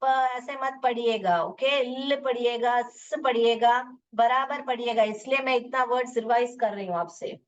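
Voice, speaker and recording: A woman's voice: a little high, steady tone. A woman teaching phonics in a live online class, sounding out letters one by one and mixing Hindi explanations with English words. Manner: drills sounds slowly, letter by letter. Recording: dull distant lo-fi audio.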